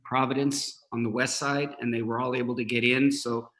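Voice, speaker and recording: A man speaking as a school district superintendent at a board meeting, halting, with many fillers and restarts, and troubled by hiccups. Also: mid-range voice, little pitch movement, a bit bright, slight background noise, rough recording.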